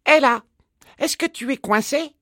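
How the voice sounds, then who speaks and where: Clever honeybee voiced by a woman for a storybook: high, breathy and unhurried, teasing, dry close sound. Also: fairly bright tone, dry recording. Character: female honeybee, clever bargainer. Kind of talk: storybook character voice.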